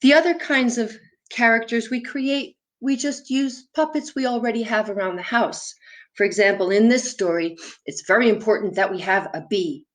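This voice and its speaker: A woman whose voice sits on the high side speaks at normal speed as she shows young viewers her puppets and props, explaining them plainly and posing questions. She works as a children's storyteller and theatre performer.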